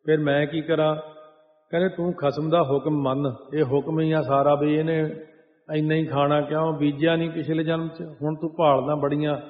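A man giving a Sikh religious discourse. He sings lines of scripture slowly, then explains them in plain talk. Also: on the high side. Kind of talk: sermon, chanting verses then explaining. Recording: echoey hall over a tinny line.

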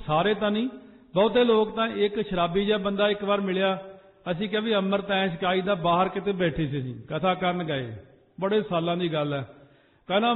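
A man preaching a Sikh sermon to a congregation, telling stories and sometimes chanting phrases. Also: high voice. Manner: storytelling, exhorting the congregation. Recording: phone-like echoey hall recording.

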